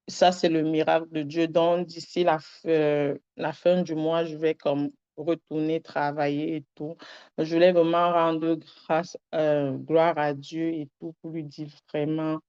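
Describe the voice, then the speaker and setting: A young woman gives a personal faith testimony in a low, mellow, clear voice with a resonant tone. She rambles earnestly with many fillers, and the recording has a dull, lo-fi sound.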